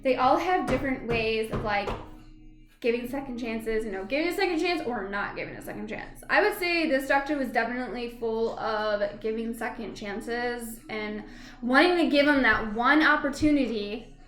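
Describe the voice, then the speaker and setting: A woman's voice: fairly high pitch, normal speed, fairly bright tone, echoey room, soft background music. A woman vlogging in a casual, rambling way. She laughs easily and hums filler syllables while she gathers her thoughts. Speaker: vlogger reviewing a TV episode. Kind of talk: casual rambling chat to camera.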